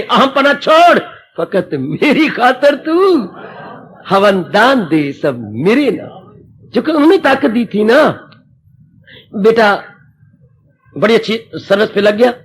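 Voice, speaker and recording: A man giving a spiritual sermon, telling stories with animated delivery and acting out quoted lines, mixing English words into his preaching. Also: high-pitched, slightly rough. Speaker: spiritual teacher giving a discourse.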